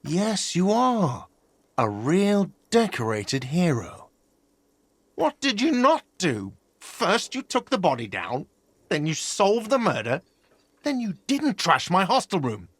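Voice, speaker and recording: An actor playing an irritated, dismissive hostel manager in a video game, speaking sarcastically. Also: male voice, sits high, wildly swooping pitch, takes it slowly, dry recording, full character voice.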